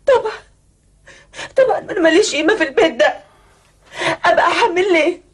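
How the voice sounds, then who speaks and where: A scheming wife in a 1990s Egyptian TV melodrama, moaning and sobbing through fake pain. Her Egyptian voice sits very high and lurches wildly between wails and shrieked accusations. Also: expressive, quick pace. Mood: wailing hysterical. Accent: Egyptian Arabic.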